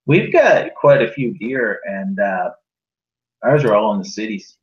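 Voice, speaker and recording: A man's voice: lowish voice, lively intonation, measured pace. A man from rural New Brunswick, Canada, a guest on a video call, talking in an easygoing, plain-spoken way. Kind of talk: casual interview chat. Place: room at home. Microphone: webcam on a video call. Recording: muffled, echoey webcam audio.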